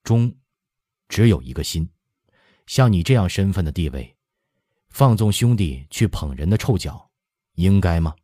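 A man giving voice to a composed imperial prince in an audiobook, speaking in a calm, flat and measured way as he delivers a stern rebuke. The voice is deep and dark, with a husky grain. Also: no echo, clean studio sound, exaggerated voice. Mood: coolly stern.

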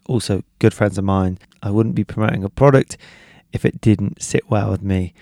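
A man's voice: sits low, gravelly, mellow, no room sound, studio quality. A man hosting a podcast in a casual, informal conversational style. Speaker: podcast host. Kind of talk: casual chat and informal announcements.

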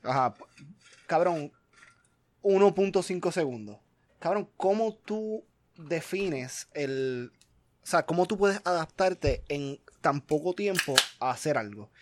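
A man's voice: on the high side, expressive, slow, slight background noise. A man, casually chatting as a podcast co-host, thinking aloud with restarts and mixing in English words. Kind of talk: casual chat.

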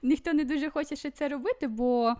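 Chatty high-voiced woman. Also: quick pace, mellow. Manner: chatty, full of fillers and restarts. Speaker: podcast guest living in Sweden. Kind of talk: casual chat.

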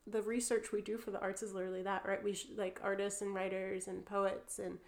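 A woman's voice: medium pitch, little pitch movement, brisk. Chatty young woman, New Jersey accent. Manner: chatty, full of fillers, laughs easily. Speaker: artist guest. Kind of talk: casual podcast conversation.

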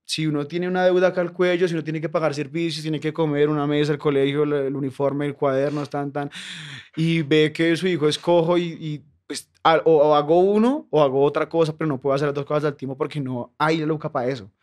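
A man's voice: fairly high pitch, flat delivery, fairly quick, a little mellow. A young Colombian man with a Colombian accent, a comedian telling stories in casual podcast chat, slangy and profane. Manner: slangy, profane, laughing storyteller. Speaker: comedian guest.

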